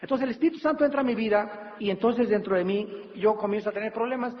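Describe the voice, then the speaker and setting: High-voiced preaching man, echoing hall. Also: quick pace, slight background noise. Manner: animated preaching, acting out pleading voices. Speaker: pastor. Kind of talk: sermon. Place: church or studio hall. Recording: dull reverberant hall recording.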